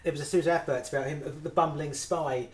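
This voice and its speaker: A man, a podcast guest telling anecdotes quickly. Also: fairly high pitch, steady tone. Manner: fast anecdotal storyteller. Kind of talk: casual chat. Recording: echoey room with music playing.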